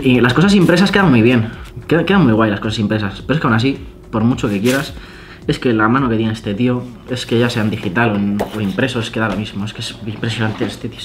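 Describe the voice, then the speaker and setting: A young man talks casually and excitedly, gushing and swearing in awe as he pages through an illustration book. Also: medium pitch. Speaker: illustrator and YouTuber. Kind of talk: casual vlog, flipping through an art book.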